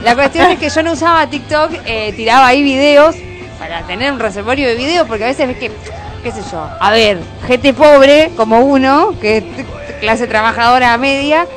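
A woman's voice: fairly high pitch, a little fast, fairly bright tone, soft background music. A woman comedian with an Argentine accent from the Buenos Aires area, telling stories casually in slangy, bawdy language. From Argentina, San Martín in Greater Buenos Aires. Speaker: stand-up comedian, guest. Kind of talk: casual comic storytelling.

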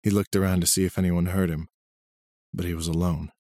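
Deep dry male storyteller reading prose steadily over faint music. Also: little pitch movement, fairly quick, dark tone, dry recording. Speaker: narrator. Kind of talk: scripted storybook narration.

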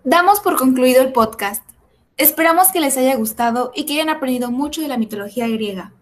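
A woman's voice: sits high, fairly quick, soft background music. A woman co-host reading a scripted podcast sign-off.

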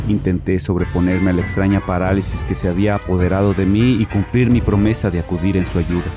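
An actor narrating as a haunted man recounting a horror, with grave, measured horror storytelling. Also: low-pitched, lightly acted. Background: music.

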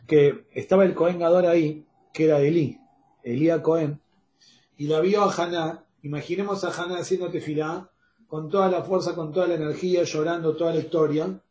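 A man with a Rioplatense Spanish accent teaches an online Talmud class, laying out each point step by step and pausing to check that everyone follows. His voice sits fairly high for a man. The sound carries a roomy echo. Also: steady tone, mellow, dull audio. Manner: explains step by step, checks in with "¿está bien?". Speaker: Torah teacher.

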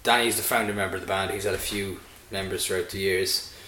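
A band member from Sligo, in the west of Ireland, chats casually in an interview, his low voice steady, fast, pushed and bright. He's jokey, sweary and full of anecdotes, speaking indoors at a pub or venue, and the recording has a roomy echo with faint noise and clicks.

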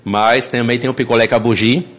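A man's voice: mid-range voice, steady tone, moderate pace, fairly bright tone. Folksy man chatting. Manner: folksy, says "né?" and "viu?" constantly. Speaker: podcast guest, influencer. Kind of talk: casual podcast chat.

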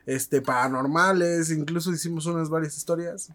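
A man's voice: a little high, fairly even intonation, moderate pace, fairly bright tone. A young man with a Mexican Spanish accent and a lingering cold, co-hosting a casual, joking chat. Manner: joking, slangy. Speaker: podcast co-host.

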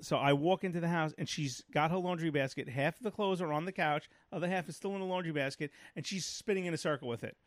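A man's voice: on the high side, fast, few pauses, dry recording. Ranting middle-aged man telling stories. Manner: animated, profane rant with acted-out quotes. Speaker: podcast co-host. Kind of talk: casual chat, storytelling.

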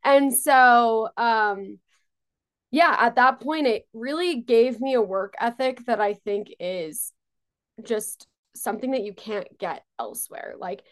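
A woman in her twenties, born in Israel and raised on Long Island, New York, speaks as a guest entrepreneur in an interview. Her voice is a little high and she takes her time, talking casually in a chatty way packed with fillers.

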